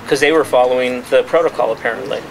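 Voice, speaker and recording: At a press conference in a restaurant, a man who works as a journalist talks spontaneously at a quick pace in a mid-range voice. He restarts and repeats words while making his points, and background noise is clearly audible.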